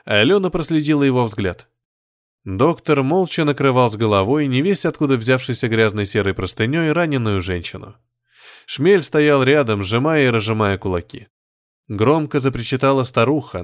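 Guy reading a novel aloud, even and steady, dry no-room sound. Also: medium pitch, no echo. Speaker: audiobook narrator. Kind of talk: scripted narration.

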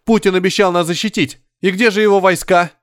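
A man's voice: high-pitched, steady tone, a little fast, dry recording, studio quality, voice pushed up, lightly acted. A man voicing a grieving middle-aged male doctor who speaks in a raised, bitter, agitated way. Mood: outraged.

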